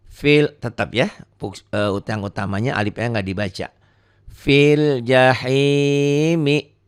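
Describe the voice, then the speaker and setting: A man gives a casual Quran reading lesson. He chants example words slowly and deliberately, then explains in a quicker, relaxed way, often trailing off low and soft at the ends of phrases.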